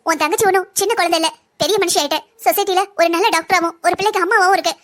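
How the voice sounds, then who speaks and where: A woman's voice: very high voice, fairly even intonation, very fast. A woman voicing a young wife and mother, a doctor, in a family cartoon drama, pleading yet defiant. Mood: firm.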